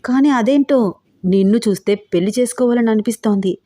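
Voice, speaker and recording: Woman doing a possessive male gangster, smooth and wheedling, mellow low-toned voice, audio storybook. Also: a little fast, close to an everyday voice. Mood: obsessive. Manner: smooth, wheedling then threatening.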